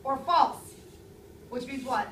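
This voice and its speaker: A woman's voice: sits high, slow, fairly bright tone, distant mic, slight background noise. Emphatic woman teacher in an echoey classroom. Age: 30s. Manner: clear, emphatic, stresses key words. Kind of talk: classroom language lesson. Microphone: far camera.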